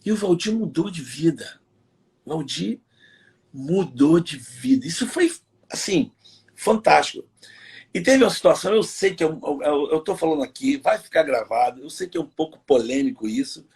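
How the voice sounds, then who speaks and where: Man, middle-aged pastor, very husky voice, earnest testimony storytelling, live interview. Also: a little high, animated, brisk, darkish tone. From Brazil. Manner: earnest storytelling with many fillers.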